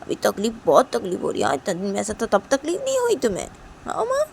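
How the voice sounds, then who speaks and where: A woman's voice: mid-range voice, wildly swooping pitch, fast, gravelly, slight background noise. A woman voicing a hurt young woman who coldly pushes her lover away and repeats that she wants to be alone. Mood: bitter. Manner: cold, accusing, repeats herself. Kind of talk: one-woman storytelling with voices.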